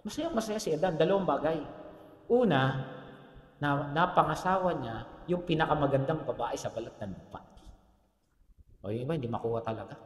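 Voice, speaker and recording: A middle-aged Filipino man preaching a sermon in a joking, animated way, with asides to the congregation. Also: on the high side. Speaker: pastor. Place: church hall. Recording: echoey hall with long reverb.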